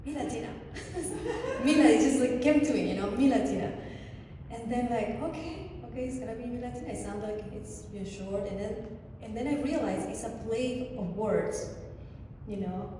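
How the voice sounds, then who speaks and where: A woman from Chile with a Chilean Spanish accent, a native Spanish speaker, talking casually to an audience as a guest artist, animated, with many restarts. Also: a little high, normal speed. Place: church hall. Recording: distant echoey hall with faint noise.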